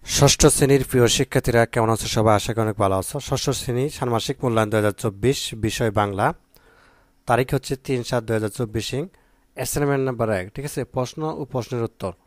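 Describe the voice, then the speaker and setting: A male teacher going through exam questions for young students, often checking "okay?" and pausing with fillers. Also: mid-range voice, no echo. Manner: asks "ঠিক আছে?" often, with many "আহ" fillers. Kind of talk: exam prep lesson.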